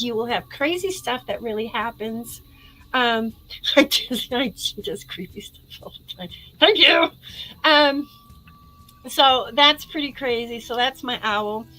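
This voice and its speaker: Middle-aged woman, casual live-stream host, excitable and chatty, slightly high pitch. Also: a little slow, low-quality recording.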